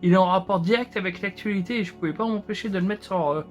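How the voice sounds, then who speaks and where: A man's voice: sits high, fast talker, soft background music. A man hosting his own show, chatting casually with many hesitations and restarts while he builds a model. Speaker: host.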